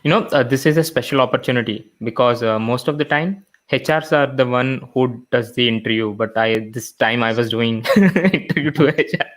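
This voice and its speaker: A man's voice: mid-range voice, moderate pace, few pauses, fairly bright tone. A man who is not a native English speaker, asking questions in a casual interview.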